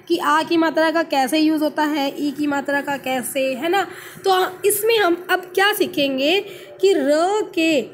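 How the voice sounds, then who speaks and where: A woman's voice: sits high, a little hiss or hum. A woman teacher with an Indian accent gives a lesson to young children, patiently sounding out letters, repeating words and asking the class questions that she answers herself. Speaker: school teacher.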